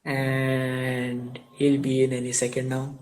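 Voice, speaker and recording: A man's voice: medium pitch, completely flat delivery, takes it slowly, darkish tone, rough recording. A young man hosting a casual interview over a video call, laughing often and stumbling over repeated words. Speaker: host.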